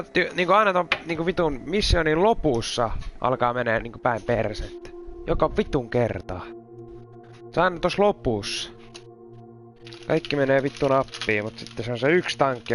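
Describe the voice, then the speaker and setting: A man's voice: mid-range voice, creaky, fairly bright tone. A man commenting on his gameplay, frustrated and swearing constantly, mixing in English words. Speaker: gamer.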